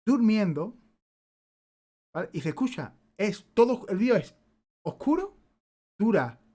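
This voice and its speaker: This gaming streamer is a young man from Spain whose high voice carries a darkish tone. While playing, he keeps up casual chat full of rambling stories, repetition and offhand swearing.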